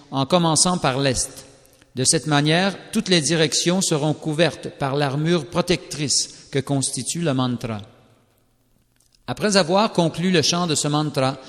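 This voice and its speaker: Reading scripture aloud from a prepared text, a man speaks in a measured, solemn, unhurried way. His pitch sits somewhat above the typical male range, and the hall's long reverberation lingers after every phrase.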